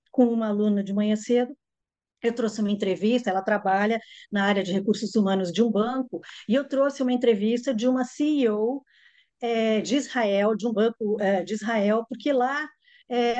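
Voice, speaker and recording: A woman's voice: fairly high pitch, a little mellow, muffled recording. Chatty Brazilian woman, carioca accent. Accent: carioca Brazilian Portuguese. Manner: explanatory, many fillers like "né". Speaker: English teacher and author. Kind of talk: interview answers.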